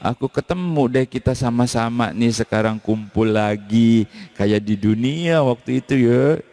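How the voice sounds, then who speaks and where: A man's voice: mid-range voice, measured pace, mellow, no room sound, voice pushed up, natural voice. A man voicing a gleeful dead man who greets his grandparents in a giddy, childlike way.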